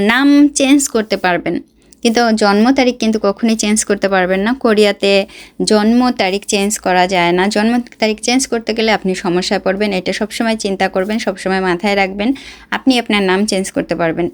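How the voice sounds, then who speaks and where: A woman from Bangladesh, chatting casually to her viewers and explaining things with direct advice. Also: mid-range voice. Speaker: vlogger.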